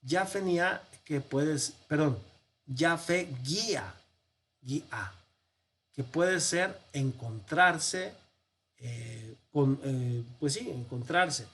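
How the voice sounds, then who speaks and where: A man's voice: a little high, expressive, slow, a bit bright, slightly rough. A priest giving a Bible class, explaining a text step by step and answering his own rhetorical questions. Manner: walks through a text on screen, counting and pointing.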